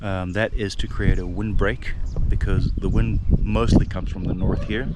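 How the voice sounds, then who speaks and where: Deep voiced guy vlogging on his land, um-ing a lot, noisy outdoor camera mic. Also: fairly even intonation, moderate pace. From South Africa. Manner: rambling, with many fillers and restarts. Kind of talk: casual outdoor vlog talk. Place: outdoors on a plot of farmland.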